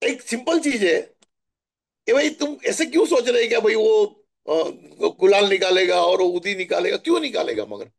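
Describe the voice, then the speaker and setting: A middle-aged man from Maharashtra telling stories in a chatty, animated way during a spiritual talk. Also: high voice, moderate pace, vocal fry. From Maharashtra, India. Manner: chatty, animated storytelling with asides. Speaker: spiritual guest answering questions.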